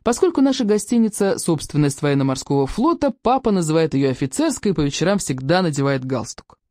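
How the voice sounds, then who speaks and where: A reader narrating a children's book in a lively storytelling manner. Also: mid-range voice, quick pace, dry recording, studio quality. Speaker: audiobook reader.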